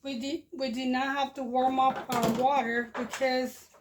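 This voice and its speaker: A Mexican woman in her forties, a homestead vlogger with a Spanish accent, chats and rambles while washing dishes by the wood stove in her home kitchen, restarting sentences and chuckling often. A phone camera propped nearby records her high, flat, slightly slow voice over a noisy background.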